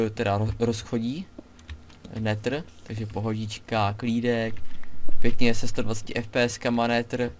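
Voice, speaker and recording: A young man with a fairly low voice chats casually as he plays, narrating each move and talking straight to his viewers. His delivery is loose and conversational. A faint hiss sits beneath the recording. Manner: chatty, talks to himself and viewers while playing. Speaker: let's play gamer. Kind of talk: casual gameplay commentary.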